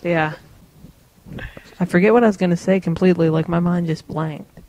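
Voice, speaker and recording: A man's voice: high-pitched, steady tone, normal speed, darkish tone, a little hiss or hum, low-quality recording. A teenage boy hosting a casual podcast with friends, teasing and joking. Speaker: podcast host. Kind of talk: casual chat among friends.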